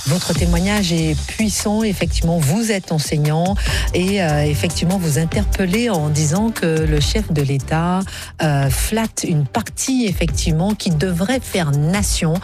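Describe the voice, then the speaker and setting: A radio talk show host, hosting briskly and often cutting in to sum things up. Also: mid-range voice, music in the background. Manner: brisk, interjecting, repeats "effectivement".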